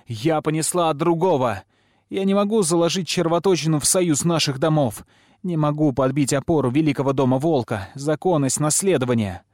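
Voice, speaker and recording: A man voicing a fiery, quick-tempered young noblewoman who exclaims and scolds. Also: high voice, darkish tone, no room sound, clean studio sound, pitched above the performer's own voice, natural voice. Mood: exclaiming.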